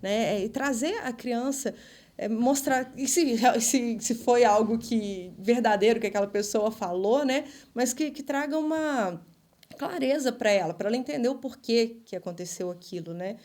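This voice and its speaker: A woman with a somewhat high voice chats as a podcast guest about raising children. She drops into quick little acted-out exchanges between parent and child as she talks. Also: darkish tone. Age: adult mother. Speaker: podcast guest, ministry leader. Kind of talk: casual podcast conversation.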